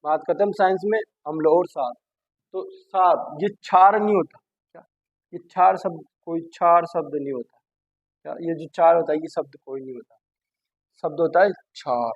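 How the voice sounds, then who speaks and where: Husky male teacher, call-and-response drilling. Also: a little high, moderate pace, no room sound. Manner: keeps asking "what?" and repeating the answer himself. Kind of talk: Hindi grammar lesson. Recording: dull dry lo-fi sound.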